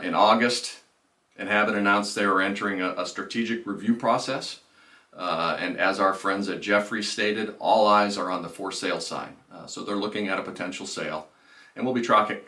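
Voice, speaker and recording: A man with a deep, pushed, bright voice presents businesslike financial commentary, informally stressing key phrases. The recording sounds distant, with a roomy echo.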